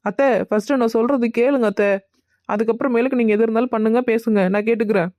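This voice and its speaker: A woman's voice: fairly high pitch, fairly even intonation, quick pace, dark tone, lightly acted. A woman playing a put-upon young daughter-in-law who pleads to be heard in a comedy skit. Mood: pleading. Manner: pleading, complaining.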